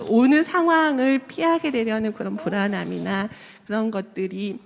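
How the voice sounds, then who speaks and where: Woman telling a lively story in a hall. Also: on the high side, normal speed, vocal fry, a little hiss or hum. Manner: lively storytelling, acts out quoted voices, laughs often. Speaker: church member giving testimony. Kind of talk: personal testimony told to a congregation. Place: church sanctuary.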